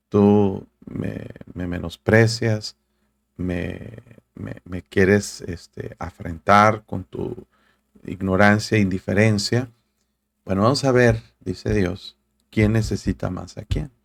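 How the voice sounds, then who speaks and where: A man's voice: fairly low pitch, vocal fry, no echo. A male pastor, preaching a sermon with earnest direct address and reading scripture aloud. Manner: reads scripture aloud, searches for verses mid-talk.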